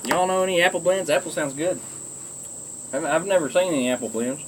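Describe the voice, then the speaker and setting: A pipe-smoking video blogger from rural Kentucky rambles folksily to his viewers in a drawling Southern country accent. His voice sits a little high and moves briskly, with a noisy background.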